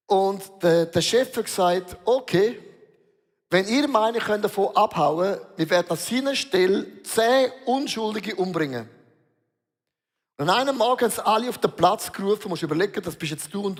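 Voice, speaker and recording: Male pastor with a high, emphatic preaching voice, heard with long reverb in a large church hall. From Switzerland. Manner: emphatic, storytelling, mixing in English words. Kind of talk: sermon.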